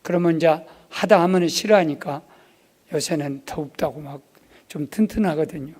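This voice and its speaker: A man preaching a revival sermon in a church, dropping to hushed asides and rising to loud exclamations. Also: fairly high pitch, normal speed. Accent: Korean. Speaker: pastor. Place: church sanctuary.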